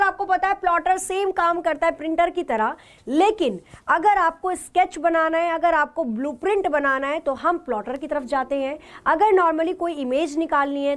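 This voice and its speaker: High-voiced woman teacher quizzing her class. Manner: asks students questions then answers them herself; mixes English terms into her talk. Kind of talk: live online class, question and answer.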